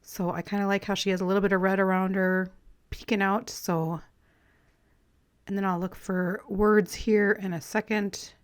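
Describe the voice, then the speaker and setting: A crafting vlogger with a raspy, medium-pitched voice chats casually in a voice-over while making a collage, clearing her throat since she's recovering from illness. She talks at a moderate pace, relaxed, friendly and rambling, with light laughs.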